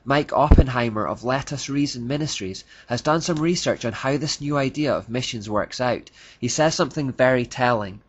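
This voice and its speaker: A man's voice: mid-range voice, normal speed, few pauses, husky, muffled recording. A man giving scripted narration in a critical tone, reading out quotes.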